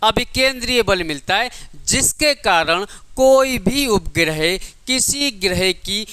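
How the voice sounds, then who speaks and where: Slow and expressive, the male physics teacher has a high, sharp, clear and resonant voice with no echo. In his exam coaching lecture he works through derivations, repeats the key points, answers his own questions and affectionately addresses students as "child."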